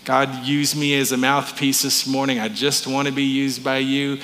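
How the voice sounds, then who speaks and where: A man's voice: mid-range voice, little pitch movement, normal speed, in a large hall. A man pastor giving a conversational sermon, often restarting his words with stammers. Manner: warm conversational preaching with frequent stammered restarts. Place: church sanctuary.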